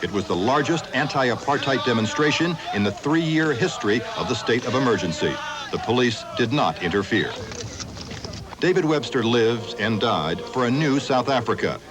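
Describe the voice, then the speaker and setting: A man narrating a scripted news report in a solemn, measured tone. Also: mid-range voice, animated, music in the background. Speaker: news correspondent.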